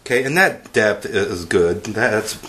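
A man in his thirties hosting a woodworking show, casually showing a project step by step with a relaxed, joking manner, recorded on a fixed camera in an indoor workshop. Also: fairly low pitch, measured pace. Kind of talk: casual how-to demonstration.

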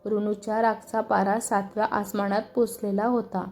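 A woman narrating a serialized family story in a steady, expressive reading. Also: mid-range voice, normal speed.

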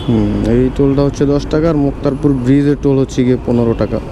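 A man's voice: medium pitch, fairly even intonation, quick pace. A man with a Bangladeshi accent giving casual motovlog commentary outdoors as he rides, often padding his explanations with filler phrases. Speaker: motorcycle vlogger. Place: outdoors, riding a motorbike on city roads. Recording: clear road and traffic noise.

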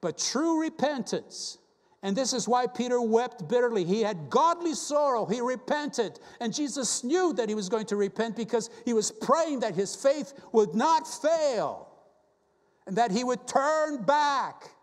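High-voiced man preaching in a reverberant church. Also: big pitch swings, measured pace. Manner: earnest, rhetorical questions, quoting scripture. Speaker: guest preacher. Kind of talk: sermon. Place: church sanctuary.

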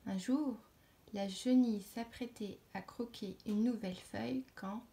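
Lectrice de conte pour enfants, voix chaude et douce. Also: female voice, mid-range voice, measured pace, gravelly. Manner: gentle, dropping to a hush at bedtime moments. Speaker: storyteller. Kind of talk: reading a children's story aloud.

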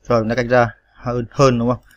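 A computer tutorial instructor, speaking a little fast in a mid-range monotone, guides viewers through typing one step at a time. He spells out each key patiently and fills gaps with fillers, and the recording is dry and lo-fi.

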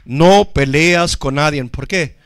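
A male pastor preaching a sermon. He speaks with emphasis, swinging from loud to hushed and calling on the congregation to answer. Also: fairly high pitch, slow pace, dry recording, clean studio sound.

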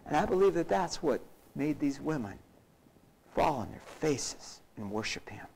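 A man's voice: fairly high pitch, moderate pace, creaky, poor audio. A male pastor preaching a sermon, acting out scenes with shifting voices and dramatic drops to near-whispers. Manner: animated, acts out scenes with varied voices.

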